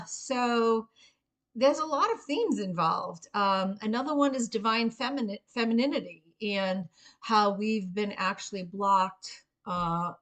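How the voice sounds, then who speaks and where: Slow, halting middle-aged woman telling her story. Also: medium pitch, fairly bright tone. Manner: earnest, halting delivery with frequent pauses. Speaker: Reiki practitioner and memoir author pitching a book. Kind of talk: informal spoken video pitch, personal storytelling.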